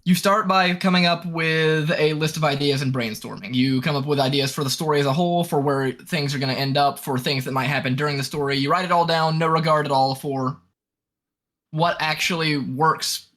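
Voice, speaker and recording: Bright, emphatic man giving advice. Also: fairly high pitch, fairly even intonation, fairly quick. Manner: emphatic, instructive, blunt. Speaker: writing advice speaker. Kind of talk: casual explanatory talk.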